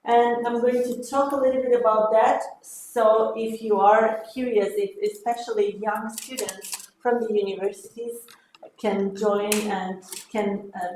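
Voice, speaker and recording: A woman from Armenia, a native Armenian speaker, presenting her project at a conference with a friendly, halting, often laughing manner. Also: on the high side, darkish tone. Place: conference hall. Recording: echoey hall with faint noise.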